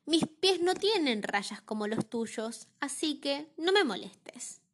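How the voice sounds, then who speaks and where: An Argentine woman voicing a grumpy female walrus in a storybook reading, grumbling slowly. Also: high-pitched, big pitch swings, noisy background, heavily acted. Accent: Argentine Spanish. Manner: slow, grumbling.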